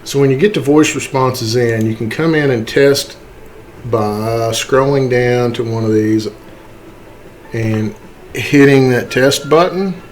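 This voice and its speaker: Speaking at a slow pace with a medium-pitched voice, a man gives a casual, unscripted tutorial in a folksy, self-deprecating way. He's indoors, doing voice-over for a screen capture, with slight background noise.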